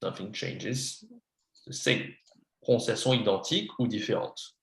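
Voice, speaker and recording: A man with a lowish, creaky, slightly bright voice teaches a one-on-one beginner French lesson, unhurried, slow and repetitive. He patiently spells words out letter by letter and slips into English to explain, and the sound is reverberant.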